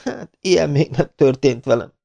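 A man's voice: medium pitch, vocal fry, warm tone, lo-fi sound, voice pushed up, natural voice. A man voicing a beaten young man who pleads and groans as he tells what happened, in an audiobook reading. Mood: pleading. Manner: breathless, pleading.

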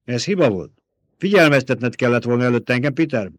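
A man voicing a cruel, domineering baron in an audiobook, with a sharp, commanding delivery. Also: mid-range voice, lively intonation, no echo, lightly acted.

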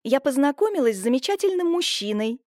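A woman's voice: high-pitched, sing-song, a little mellow, no echo, clean studio sound, pitched above the performer's own voice. A woman putting on a fussy, scheming village woman. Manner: fast, fussy, exclamatory. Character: bustling scheming village woman, middle-aged.

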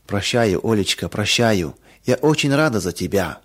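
A man voicing a kind older woman, a gentle teacher, in a soft caring tone. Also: on the low side, animated, moderate pace, breathy edge.

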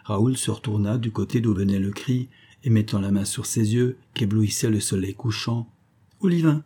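A man narrating a classic novel as an audiobook in a steady, measured storytelling manner. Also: on the low side, slightly rough.

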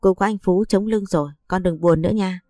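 A woman's voice: medium pitch, a little fast, warm tone, no echo, clean studio sound, faint music behind, natural voice. A woman voicing a doting, playful middle-aged aunt who talks in an affectionate, gossipy way.

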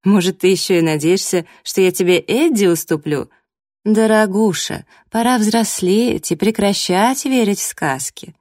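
A woman's voice: on the low side, brisk, hardly any pauses, darkish tone, dry recording, clean studio sound, natural voice. A woman voicing a haughty, mocking young woman, the jealous ex-fiancée in an audiobook, who talks down with sneering sarcasm. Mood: condescending. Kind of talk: audiobook character voice.

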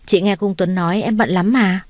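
A woman's voice: medium pitch, steady tone, a little fast, no room sound, close to an everyday voice. A proud, scheming young woman in an audio story, cold and cutting in her speech. A woman voices her in her usual tone. The recording is dry and close to the mic. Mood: coaxing. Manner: cold, sharp.

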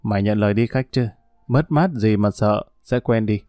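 A man's voice: lowish voice, moderate pace, dark tone, dry recording, studio quality, natural voice. A man doing a cruel menacing pimp. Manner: harsh, threatening, contemptuous. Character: brutal male pimp, cold and menacing.

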